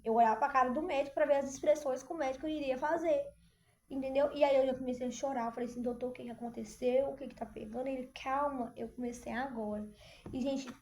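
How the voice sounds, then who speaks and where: A young woman from Brazil recounts a personal story with a slightly high, bright-toned voice. She talks in an animated, conversational way, calling out to her viewers and circling back with fillers and restarts. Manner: animated, addresses viewers as "gente", many fillers. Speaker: vlogger.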